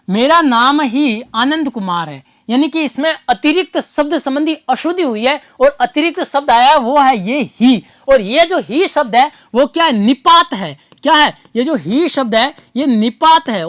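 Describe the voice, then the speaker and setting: A woman's voice: high voice, no echo, studio quality. A woman teaching a grammar lesson for an exam, who keeps asking rhetorical questions and answering them at once, repeating each key answer.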